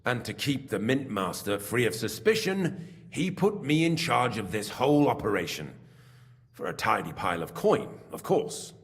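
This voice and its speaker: An actor playing a scheming middle-aged smelting works master in a video game, smug and evasive as he confesses his part in a silver racket. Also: moderate pace. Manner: smug and evasive, lively pitch. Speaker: game character.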